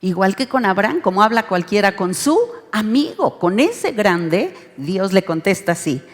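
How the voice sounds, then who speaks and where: A woman with a Mexican accent leading an interactive Bible study lesson, expressive and urging the group to read along. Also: mid-range voice, moderate pace. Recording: reverberant hall sound.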